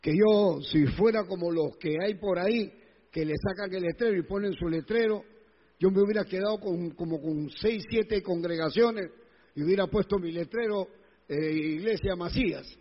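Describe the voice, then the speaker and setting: Un pastor con acento peruano predica con énfasis y repite frases para remarcarlas; su grabación suena apagada y con eco largo de salón. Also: male voice, sits high, normal speed, breathy edge. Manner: emphatic, repeats phrases, acts out quoted voices. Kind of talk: sermon. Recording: dull lo-fi sound with long hall reverb.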